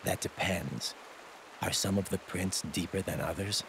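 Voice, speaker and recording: A video game tactical adviser. His voice is low, patient and instructive, over clearly audible rainy hiss. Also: steady tone, measured pace. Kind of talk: game mission briefing dialogue. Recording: noisy, hiss like rain.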